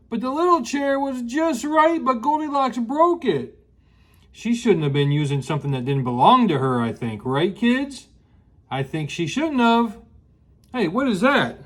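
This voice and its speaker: A slow, rambling grandpa-style storyteller hosting a children's story time. The pitch swoops widely and playfully through the tale, with folksy asides and questions to young listeners. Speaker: children's story show host.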